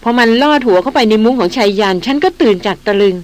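A woman's voice: mid-range voice, quick pace, a little mellow, natural voice. A woman voicing a shaken young noblewoman in a jungle adventure audiobook, speaking with a trembling voice. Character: young noblewoman, shaken but steady huntress.

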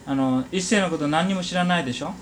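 A man conducting an oral history interview, asking polite, halting questions and giving frequent small acknowledgements. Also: on the high side, a little hiss or hum. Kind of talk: gentle question-and-answer interview.

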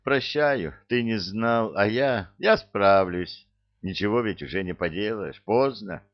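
Tearful brave young girl, read by a man, soft voice slightly raised, muffled lo-fi sound. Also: fairly low pitch, lively intonation, unhurried.

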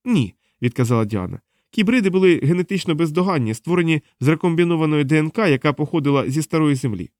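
A man's voice: a little high, animated, fast talker, hardly any pauses, a little mellow, dry recording, studio quality, pitched above the performer's own voice. A man voicing a cold, harsh woman interrogating a prisoner in an audiobook, snapping out commands. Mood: sharp, impatient. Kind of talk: audiobook character voice.

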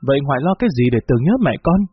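A man voicing an outspoken young girl protesting to her grandmother, husky voice over a tinny line with faint music. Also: medium pitch, expressive, racing, no room sound. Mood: indignant. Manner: protesting, heated.

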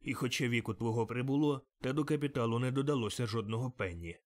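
A man's voice: medium pitch, fast, close to an everyday voice. Storybook miser: curt, grumbling old man, read by a man, close to the reader's own voice.

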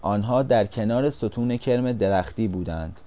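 A man narrating a storybook as an audiobook, reading in an even, steady way. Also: on the low side.

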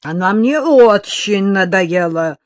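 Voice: medium pitch, sing-song, slow, no echo, studio quality. A reader voicing a spiteful male smuggler with a strong foreign accent who drawls and insists. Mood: sullen menace.

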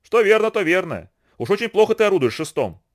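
A man's voice: high voice, sing-song, fast talker, pitched above the performer's own voice. Man doing Hunsi, sly hulking old boatman. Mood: mocking.

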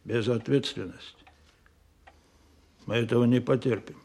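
An actor playing Stalin as a stern, menacing older supreme leader, deliberate and accusatory, in a radio play. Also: male voice, mid-range voice, fairly even intonation, gravelly, a little mellow, slightly rough. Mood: accusing, stern. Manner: slow, deliberate, accusatory, repeating questions.

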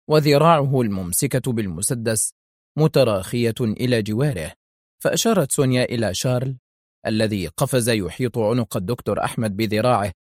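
A man's voice: medium pitch, darkish tone, no echo. Man narrating a thriller, dry and close. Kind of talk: dramatic audiobook narration.

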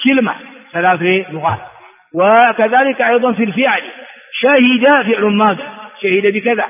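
A man from Ethiopia, a religious scholar teaching a class, who repeats words for his students and asks them quick rhetorical questions. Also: high-pitched. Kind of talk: classroom lecture explaining a text. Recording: phone-like sound with long hall reverb.

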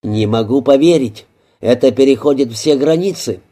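Brief: narrator doing a rattled, furious male surgeon for an audiobook, very dark and mellow tone, slow clipped delivery. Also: medium pitch, close to an everyday voice. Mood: indignant. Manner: clipped, seething. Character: shaken angry male surgeon.

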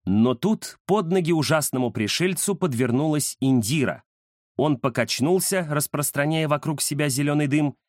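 A man narrating a children's adventure story in a dramatic, expressive way. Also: a little high, no echo, studio quality.

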